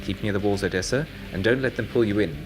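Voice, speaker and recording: A man voicing a calm, watchful male pet animal who urgently warns his owner, in an audiobook story. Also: fairly low pitch, fast, over music, close to an everyday voice. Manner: urgent, warning, matter-of-fact. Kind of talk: audiobook narration.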